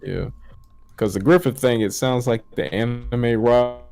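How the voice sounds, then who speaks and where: A man's voice: medium pitch, steady tone, a little slow, creaky. A man chatting casually as a guest on a stream. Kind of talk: casual chat.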